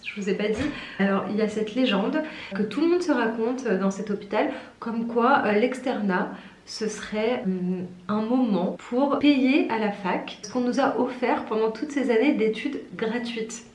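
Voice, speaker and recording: A woman's voice: fairly high pitch, moderate pace, darkish tone, a little hiss or hum. A young woman in her twenties from France, telling a story in a chatty, self-mocking way and acting out the people in it with a raised voice. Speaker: pharmacy student vlogger. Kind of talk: casual storytelling vlog. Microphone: camera mic. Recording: roomy echo.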